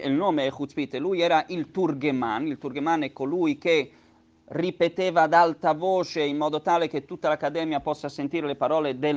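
Guy teaching a text study class, reads a line in hebrew then explains it, voice a bit high, dull lo-fi recording. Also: darkish tone. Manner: explains patiently, with many restatements.

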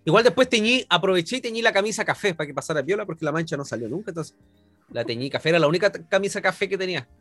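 A young Chilean man rambles through a story, repeating himself and dropping slang as he goes. His voice sits a little high and swings up and down in lively turns, and the sound is dry and close. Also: very fast, no room sound, faint music behind. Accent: Chilean Spanish. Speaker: podcast guest. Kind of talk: casual podcast chat.

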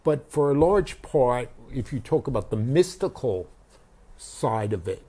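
A man explaining as a guest author in a thoughtful, halting way, often restarting his sentences. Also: mid-range voice, big pitch swings, warm tone, slightly rough. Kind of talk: conversational explanation.

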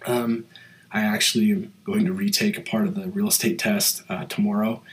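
A man hosts a podcast on his own, and his fairly low voice has a nasal tone from a cold. He speaks in a motivational, pep-talk way and often fills pauses with "like" and "um". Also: big pitch swings, rough recording. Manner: motivational, with many fillers like "like" and "um". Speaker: podcast host. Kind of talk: solo podcast monologue.

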